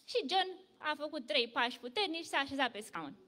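A woman telling a story to children at church, lively and full of questions for the kids. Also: high-pitched, long reverb tail. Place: church hall.

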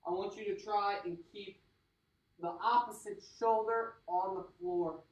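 A man coaching a kids' workout, out of breath, cheering people through holds and then calmly guiding stretches. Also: high-pitched, measured pace, muffled recording. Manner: energetic hype shouting during sets, calmer during stretches. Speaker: fitness instructor. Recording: echoey room, mic at a distance.

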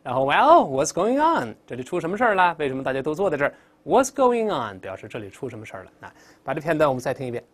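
Animated male English teacher. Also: mid-range voice, racing. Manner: animated, drills words aloud with exaggerated sounds. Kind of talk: classroom vocabulary lesson.

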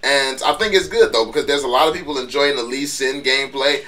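Over game audio and music, a young YouTuber with a stuffy voice reacts to a mobile game in easygoing slang through his headset. His mid-range voice is brisk with a sharp tone. The sound is a bit off-mic, as if recorded from a distance.

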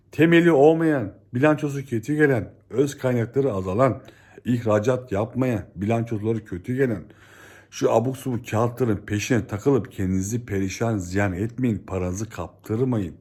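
Exasperated man ranting about stocks. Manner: exasperated, scolding, swings between shouting and low warnings. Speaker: stock market commentator. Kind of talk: ranting video monologue.

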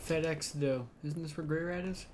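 A man's voice: fairly high pitch, steady tone, moderate pace, a little mellow. Chatty male co-host, joking let's-play commentary, faint room hiss. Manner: joking, rambling banter. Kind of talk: casual gaming chat.

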